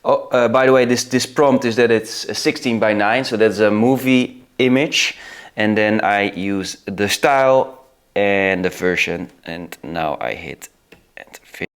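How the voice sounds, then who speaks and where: A middle-aged man with a Dutch accent casually walking through software on screen, thinking aloud. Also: on the low side, measured pace. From Netherlands. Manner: relaxed, thinking aloud, laughs at results. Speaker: video host. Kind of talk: casual screen-recording tutorial.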